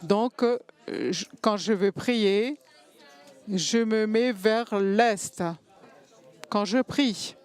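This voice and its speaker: A woman giving a simultaneous interpretation of a panel talk, halting and pausing to find words. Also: mid-range voice, clear, resonant tone.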